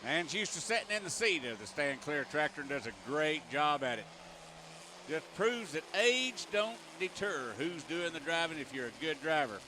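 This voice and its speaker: Folksy guy announcer at a tractor pull, high voice, lots of engine noise behind him outside. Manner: folksy, colloquial turns of phrase. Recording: noisy outdoor track with engine noise. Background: outdoor ambience and vehicle engines.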